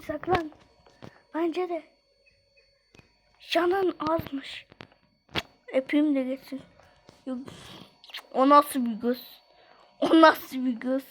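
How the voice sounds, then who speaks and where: A woman giving gameplay commentary, excitable, shrieking when scared and pleading or teasing with other players. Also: sits high, a little hiss or hum, low-quality recording. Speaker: gamer playing online.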